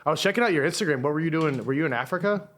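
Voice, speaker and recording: A man's voice: on the high side, animated, very fast, fairly bright tone. Laid-back male podcast host. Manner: laid-back, short back-channel replies. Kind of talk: casual interview chat.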